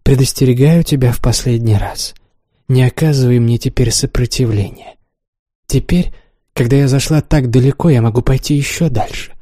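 Man playing cruel young noblewoman, haughty, taunting, mellow dark tone, dry close sound, audiobook. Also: mid-range voice, moderate pace, no room sound, lightly acted. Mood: threatening. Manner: taunting, haughty, coolly commanding. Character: imperious cruel young noblewoman, mocking and cold. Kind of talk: audiobook reading.

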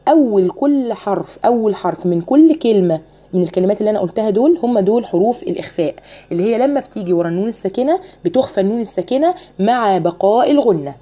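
A woman with an Egyptian accent teaching a recitation lesson, asking her listeners questions and then reciting the words slowly to show each rule. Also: mid-range voice, mellow. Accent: Egyptian Arabic. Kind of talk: tajweed lesson.

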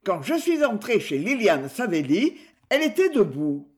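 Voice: mid-range voice, sing-song, normal speed, darkish tone, close to an everyday voice. A reader voicing an old woman murderer confessing. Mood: cold. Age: older. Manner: cold, matter-of-fact confession.

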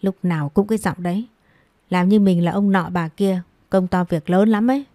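A woman's voice: lowish voice, normal speed, mellow, dry recording, clean studio sound, natural voice. A woman voicing a cruel, scornful middle-aged stepmother who scolds harshly and taunts with contempt. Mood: scornful scolding.

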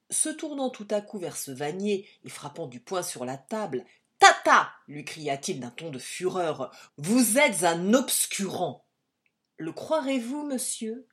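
A woman narrating a story aloud in a measured, expressive reading. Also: on the low side. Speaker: audiobook reader. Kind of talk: scripted narration.

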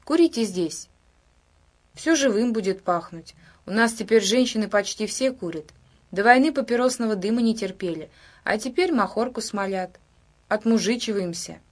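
A woman's voice: medium pitch, lively intonation, moderate pace, close to an everyday voice. A woman reading the part of a steadfast village woman who keeps waiting for her husband, in a plain, earnest voice. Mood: homely. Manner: plain, earnest, quietly stubborn. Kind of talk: audiobook character reading.

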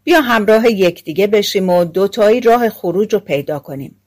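A woman's voice: mid-range voice, expressive, a little mellow, lightly acted. A woman voicing a bold, hungry young male ex-soldier in a storybook, speaking bluntly and with some liveliness.

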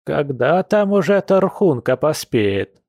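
A man's voice: fairly high pitch, sing-song, darkish tone, no echo, clean studio sound, voice pushed up, full character voice. A man voicing a grumbling, crafty old village grandmother in an audiobook, drawing out her words in a folksy, wheedling way. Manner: folksy, wheedling, drawn-out speech. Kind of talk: audiobook character voice.

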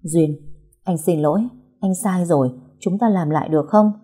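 A woman's voice: fairly low pitch, normal speed, warm tone. A woman voicing a young man, an unstable ex-husband who begs and then threatens. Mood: pleading. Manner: threatening, rough-spoken.

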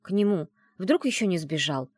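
A woman's voice: fairly low pitch, animated, normal speed, a little mellow, breathy edge, no room sound, studio quality, pitched above the performer's own voice. A woman reading an audiobook and voicing a young witch student as the heroine, talking in a sulky, defensive way.

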